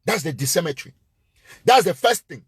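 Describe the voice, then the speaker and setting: Emphatic husky man delivering a live address. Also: fairly high pitch, very animated, fairly quick, no room sound, clean studio sound. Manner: emphatic and repetitive, hammering points with rising force. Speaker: live-show host and political commentator. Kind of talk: impassioned live-stream address.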